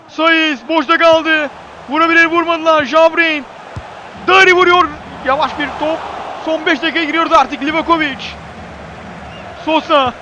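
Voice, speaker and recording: A man giving live football commentary in clipped phrases, repeating player names emphatically and shouting excitedly at key moments. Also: extremely high pitch, lo-fi sound, a little hiss or hum.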